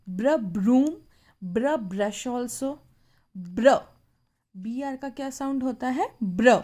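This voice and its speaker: Woman teacher, Indian accent, high voice, very slow phonics drills mixing Hindi and English. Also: a little mellow. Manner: drills sounds slowly, repeating each blend; mixes Hindi with English words. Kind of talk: phonics lesson for children.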